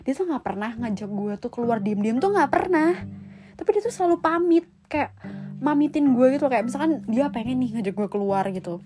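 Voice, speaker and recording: Hosting a casual podcast, a young woman tells a personal story in slangy, chatty speech peppered with swearing. Her voice is high and lively, a touch fast, and faint guitar music plays behind her.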